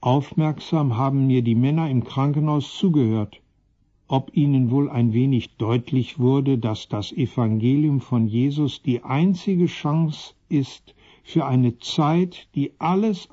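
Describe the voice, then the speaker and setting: A pastor tells a sermon as a story, slow and earnest. His voice is somewhat high but mellow and husky. The recording sounds dull and lo-fi.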